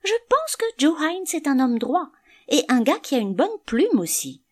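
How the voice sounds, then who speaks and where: A woman's voice: high-pitched, big pitch swings, moderate pace, pitched above the performer's own voice. A woman reading an audiobook, voicing a mild, easygoing middle-aged male canvasser with a doubtful manner.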